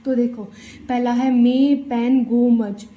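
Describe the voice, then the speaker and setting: A woman's voice: on the high side, steady tone, slow pace, warm tone, a little hiss or hum. A woman teaching shorthand vowels, patiently explaining each rule and checking in often. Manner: patient, repeats "theek hai" and "dekho" often. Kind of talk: explaining steno vowels step by step. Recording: dull lo-fi, roomy echo.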